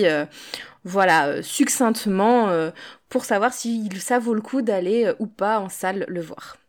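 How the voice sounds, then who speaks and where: A woman hosting a podcast, talking casually and chattily with frequent fillers. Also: on the high side. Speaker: podcast host.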